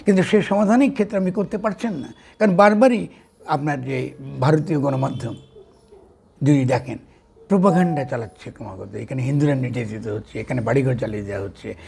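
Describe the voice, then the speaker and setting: An older man giving a slow, deliberate political talk to his audience, asking rhetorical questions. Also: medium pitch, creaky, a little mellow. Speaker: political commentator. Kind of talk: direct-to-camera talk.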